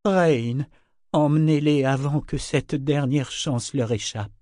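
A man's voice: a little high, mellow, no echo, studio quality. A man voicing a stern older woman in an audiobook, speaking coldly and firmly. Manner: cold, firm and measured. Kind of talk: audiobook character voice.

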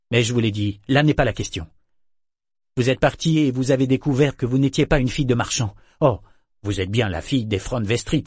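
A man's voice: medium pitch, a little mellow, husky, no echo, clean studio sound, lightly acted. A man voicing a blunt, sardonic male sailor in an audiobook, mocking and needling in his delivery. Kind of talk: audiobook character voice.

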